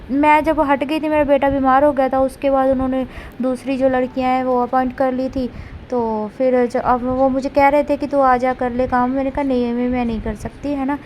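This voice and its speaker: Woman vlogger, high voice, rambling home chat into a phone camera, faint room noise. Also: a little mellow. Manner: talkative, rambling, frequent tag questions. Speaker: vlogger, mother. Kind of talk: casual chatty daily vlog.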